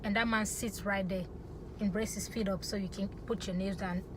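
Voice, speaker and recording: A woman's voice: medium pitch, steady tone, moderate pace, slight background noise. A woman from Africa talking passionately to camera, emphatic and punctuating her points with "okay?". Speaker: vlogger. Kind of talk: opinionated talk to camera.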